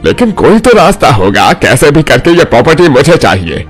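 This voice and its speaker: A man voicing a greedy, abusive middle-aged father in an animated family drama, harsh and threatening. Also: lowish voice, moderate pace, husky, soft background music.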